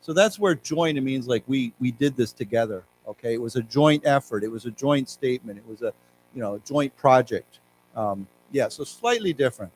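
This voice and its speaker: A man teaching an English class, who reads news passages aloud slowly, then explains the words and spells them out letter by letter. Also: mid-range voice, animated, slight background noise, poor audio. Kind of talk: classroom lecture on news vocabulary. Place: library lecture room.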